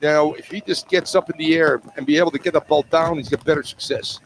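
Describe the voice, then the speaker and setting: Man, color commentator, gravelly voice, slightly high, faint noise. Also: fairly even intonation, fast talker, rough recording. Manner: opinionated, blunt, joking. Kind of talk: analytical match commentary.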